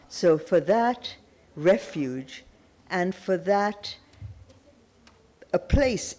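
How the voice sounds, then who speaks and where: An older woman, born in Pakistan, giving an illustrated talk on a festival stage, telling her family story in a warm, personal way with small restarts. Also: lowish voice. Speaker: festival panel speaker. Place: large auditorium stage.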